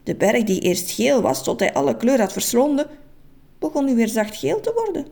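A woman narrating a children's story in an expressive, playful, suspenseful way. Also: a little high, moderate pace, gravelly.

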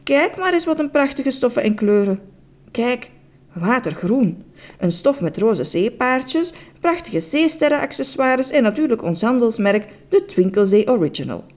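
A fussy male tailor in a storybook, all flattering sales talk, his voice lifting high and swooping with pride, as a woman puts him on. The tone stays mellow and soft at the edges. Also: a little slow. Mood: proud. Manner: flattering sales patter, raised pitch.

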